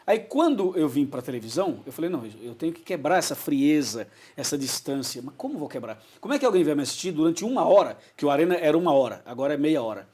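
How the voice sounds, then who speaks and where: A man's voice: fairly high pitch, big pitch swings, fast, few pauses, darkish tone, slightly rough. A man, a pastor telling emotional anecdotes as a TV interview guest and acting out what people said. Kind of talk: storytelling in a TV interview.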